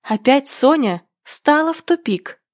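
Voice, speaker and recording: A woman reading a children's fairy tale aloud in a lively storybook manner. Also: sits high, a little slow, dry recording, clean studio sound.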